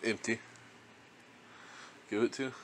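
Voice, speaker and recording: Slow, easygoing young man sorting finds. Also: very noisy. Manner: relaxed, chuckles often, thinks aloud. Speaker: reseller vlogger. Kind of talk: casual unboxing commentary.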